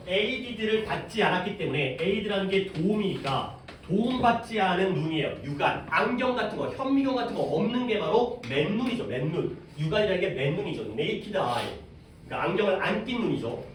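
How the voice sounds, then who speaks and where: A high school English teacher walks his class through a reading passage, often pausing to pose questions he then answers himself. His high voice is very animated, shifts a lot in pitch and runs at normal speed. Captured far from the mic, the audio is very echoey with faint background noise.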